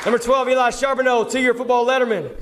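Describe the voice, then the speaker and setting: Reading out a roster informally, a football coach addresses the audience at an award ceremony in a very high-pitched, level, fast voice. Crowd noise and clear background noise come through in this live event recording.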